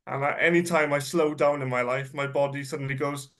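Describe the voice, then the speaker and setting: Slightly nasal and congested with a cold, a man in his thirties speaks as a guest, offering a personal presentation that is chatty, self-deprecating, and peppered with ums and uhs. His mid-range voice is fairly bright, a little fast, and fairly even in intonation.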